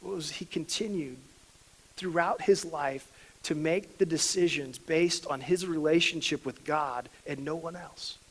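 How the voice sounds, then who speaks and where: A pastor delivering a sermon, swinging between quiet reflection and emphatic, louder stretches. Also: male voice, a little high, unhurried, low-quality recording.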